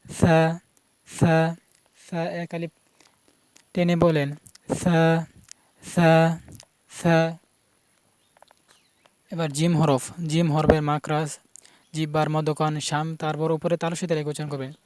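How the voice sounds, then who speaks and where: A man's voice: fairly high pitch, little pitch movement, a little fast, a little mellow. A man teaching Quran pronunciation, patiently repeating each letter sound and explaining where it is made in the mouth. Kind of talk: pronunciation lesson.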